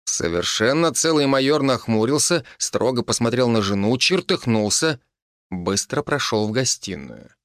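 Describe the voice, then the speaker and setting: A man narrating an audiobook in a measured, dramatic way with slow pauses for suspense. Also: medium pitch, expressive, fairly bright tone, dry recording, studio quality. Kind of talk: scripted story narration.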